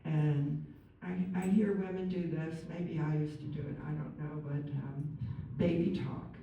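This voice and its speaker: A woman working as a nurse and counsellor, giving a chatty, gentle talk to a group and acting out example phrases. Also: sits low, fairly even intonation, a little slow, muffled recording, a little hiss or hum. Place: large room with an audience. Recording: very echoey room, far from mic.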